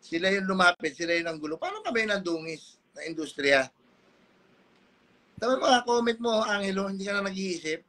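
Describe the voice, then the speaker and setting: A man's voice: high-pitched, very animated, a little fast, pauses often, bright, forceful tone. Aggrieved father ranting live. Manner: aggrieved, calling out critics, repeated rhetorical questions. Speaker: livestream host. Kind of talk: ranting livestream talk.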